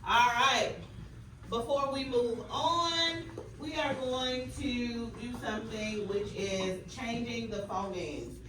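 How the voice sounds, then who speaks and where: A woman elementary school teacher leading a phonics lesson in a classroom with quiet, calm authority, firm and instructive. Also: a little high, slow pace. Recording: distant mic, echoey room, faint noise.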